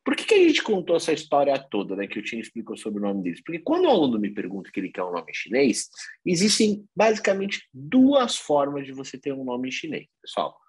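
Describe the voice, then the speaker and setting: A man presenting an online Chinese lesson, addressing the viewers directly and spelling things out slowly. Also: mid-range voice, huge pitch swings, a little mellow, slightly rough.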